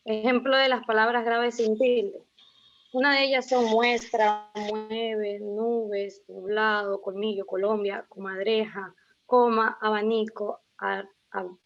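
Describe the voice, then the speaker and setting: A woman's voice: flat delivery, slow. A young woman from Ecuador giving a class presentation as a student, reading out rules and lists of example words with a few restarts. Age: young adult. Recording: muffled low-fidelity recording.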